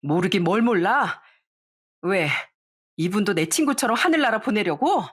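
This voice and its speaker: A woman's voice: medium pitch, expressive, moderate pace, breathy edge. A woman voicing a stern wedding shop employee who accuses and confronts someone in a storybook narration. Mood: furious.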